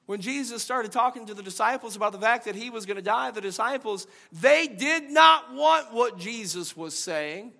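High, bright-voiced man preaching in a hall. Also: lively intonation, moderate pace, creaky, few pauses. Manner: preaching with dramatic swings from shouting to hushed. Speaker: pastor. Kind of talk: sermon. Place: church sanctuary. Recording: long church hall reverb.

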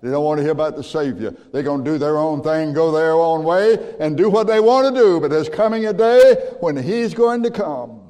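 A man preaching a sermon, rising to loud acted-out quotes and dropping to low, quiet asides. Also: lively intonation, moderate pace, hardly any pauses. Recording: long hall reverb.

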